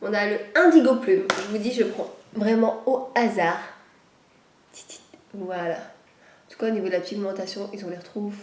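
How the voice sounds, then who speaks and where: A woman's voice: medium pitch, moderate pace, reverberant, very noisy. A woman chatting casually in a vlog, a little nasal after a cold, rambling and hesitant with many fillers. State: recovering from a cold. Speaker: vlogger. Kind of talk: casual chat.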